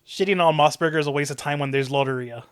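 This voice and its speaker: A man's voice: fairly high pitch, fast talker. A young man co-hosting a podcast, explaining things in a laid-back way with many hesitant restarts. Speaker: podcast co-host. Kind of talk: casual chat.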